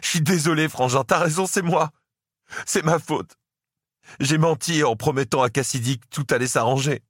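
A man's voice: measured pace, pauses often, a bit bright, slightly rough, dry recording, studio quality. A man voicing a guilt-ridden young man who pleads with his brother through tears in an audiobook. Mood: tearful pleading. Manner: pleading, voice pushed high. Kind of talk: audiobook character voice.

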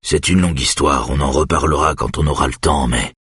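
A man voicing a weary, gentle older father. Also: rumbling low, breathy edge, dry recording, clean studio sound, heavily acted. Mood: grave. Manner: soft, tired, measured.

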